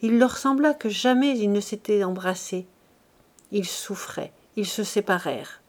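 Reading a classic novel aloud for an audiobook, a female narrator delivers the text at a medium pitch, keeping her reading measured yet expressive.

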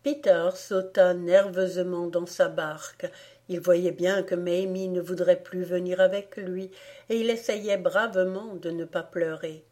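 A woman narrating a storybook audiobook in a gentle, measured reading voice. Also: lowish voice, steady tone. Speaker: audiobook reader.

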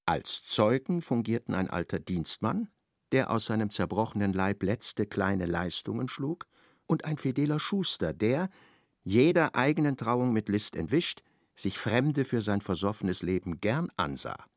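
A man narrates a literary radio play with ironic expression and a little slowly. His gravelly, mid-pitched voice is highly animated, captured close and dry without any echo.

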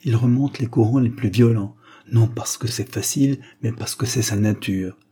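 A man's voice: mid-range voice, normal speed, dark tone, slightly rough, close to an everyday voice. A man voicing a stern, proud aristocratic father, an aging marquis, in an audiobook, solemn and insistent.

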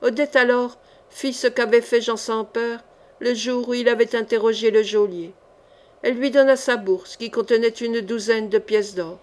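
A woman's voice: fairly high pitch, fairly even intonation, normal speed, darkish tone. A woman reading an adventure novel as an audiobook, voicing the characters with feeling. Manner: voices the characters with changing emotion. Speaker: audiobook reader. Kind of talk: expressive audiobook narration.

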